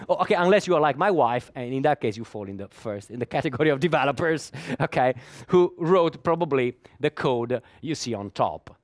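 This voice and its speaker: A middle-aged Italian man, whose first language is Italian, gives a technical conference talk, frequently repeating words as he hunts for the next one. His voice is medium-pitched with lively intonation and a brisk pace, recorded without echo.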